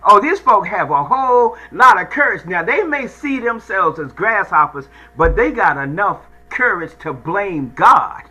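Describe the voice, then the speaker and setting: A man's voice: sits high, lively intonation, unhurried, hardly any pauses, pushed and bright, husky, faint music behind, poor audio. A man preaching a sermon, retelling a Bible story with dramatic, folksy storytelling and speaking straight to the congregation. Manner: dramatic storytelling, acting out God's and the people's words; folksy, addresses the congregation directly.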